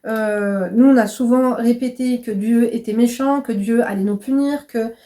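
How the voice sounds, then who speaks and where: Give me a woman in her thirties vlogging casually to her viewers, blunt and talkative, with a slightly high voice. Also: steady tone, moderate pace, mellow. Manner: chatty, frank, swears casually, addresses viewers as "mes crèmes". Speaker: lifestyle vlogger and coach. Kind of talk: casual chat to camera.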